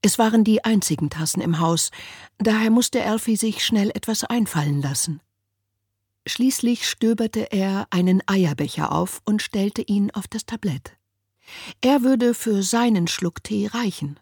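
A woman narrating an audiobook in a calm, measured storytelling manner. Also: medium pitch, husky, no room sound, clean studio sound. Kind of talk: scripted narration.

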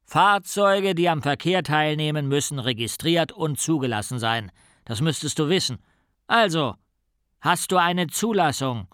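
A man reading a storybook and voicing a big, gruff policeman on night patrol who barks orders in a pompous way. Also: mid-range voice, moderate pace, hardly any pauses, fairly bright tone, dry recording, clean studio sound, natural voice. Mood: barking. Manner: barking, bossy, pompous.

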